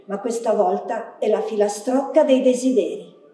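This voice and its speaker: A woman organizer giving a closing announcement to a theatre audience, unhurried and addressing them directly. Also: mid-range voice, dark tone, slight background noise. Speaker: festival organizer. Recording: echoey hall from far off, faint music.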